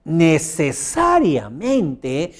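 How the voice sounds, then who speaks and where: A man leads a public speaking teleseminar in a slightly high voice. He swings between loud, forceful phrases and near-murmured ones, pausing often with filler sounds. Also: huge pitch swings. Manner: strongly modulated, rising and dropping volume for emphasis; frequent fillers, slow deliberate phrasing. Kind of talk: teleseminar lecture.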